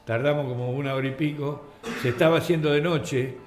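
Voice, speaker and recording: An older Argentine man tells stories as a radio guest and acts out the voices of the people in them. His voice sits a little high. The studio sounds roomy and echoey, and soft music plays underneath. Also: fairly even intonation, a little fast. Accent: Argentine Spanish. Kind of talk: anecdotal storytelling on radio.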